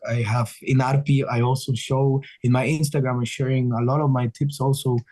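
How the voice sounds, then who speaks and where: A man from Ecuador, here as a guest musician, chats in a casual interview, earnest and rambling, restarting often. His mid-range voice keeps a level tone at normal speed and is a little mellow.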